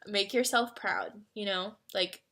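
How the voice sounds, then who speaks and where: A woman in her twenties chatting casually as a vlogger answering fan questions, full of "like" fillers, moving between excited and quiet, earnest talk. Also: medium pitch, takes it slowly. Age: 20s. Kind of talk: casual chat.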